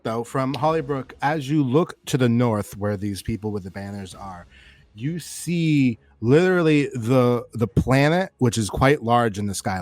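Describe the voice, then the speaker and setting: A man's voice: mid-range voice, a little mellow, no room sound. Giggly man running a tabletop game. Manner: giggly, loose, rambling descriptions. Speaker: game master.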